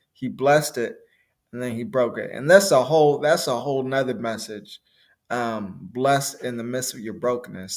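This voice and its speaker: A man giving a casual sermon, talking in a conversational, playful way with frequent asides. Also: medium pitch. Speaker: preacher.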